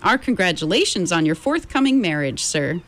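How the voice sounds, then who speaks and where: A correct, courteous manservant, as a woman reading aloud plays him, speaking in a formal, measured way. His voice sits fairly low for a woman but moves with plenty of lift, like a storybook butler. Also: sing-song, a bit bright. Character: polite, proper adult male butler.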